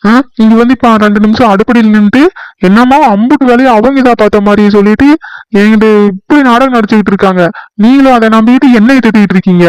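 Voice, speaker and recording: A quarrelsome young wife full of self-pity, put on by a man, firing off indignant complaints in a high voice. The sound is smooth and clear, recorded dry and close, as in a comedy skit. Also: no echo, lightly acted, rough recording. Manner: indignant, complaining, rapid accusations.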